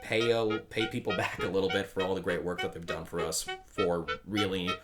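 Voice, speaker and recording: A man in his twenties chatting casually in an interview, animated and stumbling over restarts. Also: deep voice, a little fast, over loud music.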